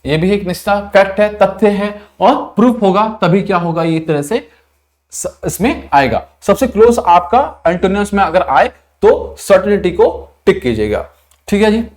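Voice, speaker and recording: A young Indian man teaching an online vocabulary lesson, explaining words and slowly repeating them to model pronunciation, often checking in with his students. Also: high voice, animated. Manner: frequent check-ins like "thik hai".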